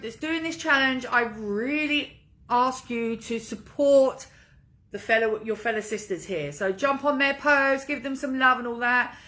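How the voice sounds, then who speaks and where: A woman's voice: high voice, bright, forceful tone. A woman coaching an online group in a casual livestream, talking informally in an emphatic pep-talk way that leans on repetition.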